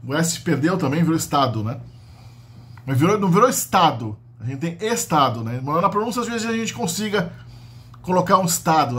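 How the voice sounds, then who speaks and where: Brazilian man, slightly high voice, casual explanatory lecturer. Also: a bit bright. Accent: Brazilian Portuguese. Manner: explanatory, frequent "né?" tags and restarts. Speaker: linguistics teacher. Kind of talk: unscripted lecture.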